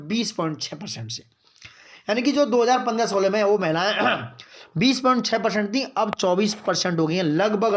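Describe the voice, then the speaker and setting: A man giving a current-affairs lesson for exam students, reading out points slowly and then explaining them in chatty asides, often checking that his students follow. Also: high-pitched. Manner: mixes in English phrases, reads slowly, explains in chatty asides; keeps asking "got it, friends?". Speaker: exam-prep teacher.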